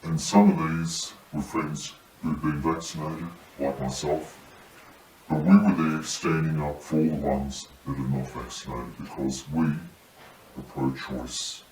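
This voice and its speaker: A man giving serious testimony as a paramedic whistleblower in measured, halting phrases, his voice electronically disguised to sound deep. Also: fairly even intonation, darkish tone. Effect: disguised deep voice, electronically lowered. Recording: roomy echo, distant mic, faint noise.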